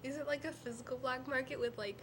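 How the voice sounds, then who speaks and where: Casting: woman, higher voice, teasing chatty player in a noisy home recording. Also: steady tone, fast talker, a bit bright. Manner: chatty, teasing, filler-heavy. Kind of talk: casual tabletop chat.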